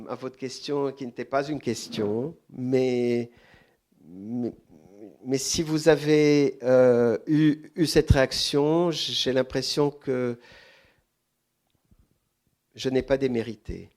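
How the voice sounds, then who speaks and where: A man speaking off the cuff as a guest at a public talk, deliberate and hesitant, repeating words for emphasis. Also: mid-range voice, darkish tone. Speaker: guest author answering audience questions. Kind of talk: extemporaneous answers at a public talk.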